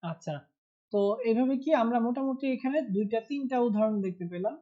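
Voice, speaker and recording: A man's voice: extremely high pitch, fast. A man teaching Arabic grammar in a live online class, explaining patiently and stressing key words. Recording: muffled online class audio.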